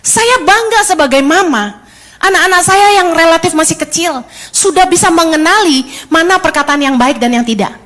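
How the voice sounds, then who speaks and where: High-voiced animated woman preacher. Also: normal speed. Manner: animated, mixes English phrases into her preaching. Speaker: pastor. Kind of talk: sermon.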